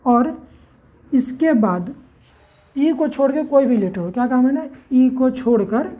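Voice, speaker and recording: A woman's voice: high voice, lively intonation, unhurried, warm tone, poor audio. A woman teaching English pronunciation, spelling words out letter by letter and asking herself questions before answering them. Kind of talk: classroom-style lesson.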